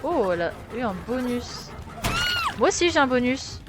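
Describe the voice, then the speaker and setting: A woman's voice: on the high side, sing-song, moderate pace. A young French woman with a French accent, chatting and muttering to herself as she streams a game. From France. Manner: chatty, self-mocking, muttering to herself while playing. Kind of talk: casual gameplay commentary. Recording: game music playing behind.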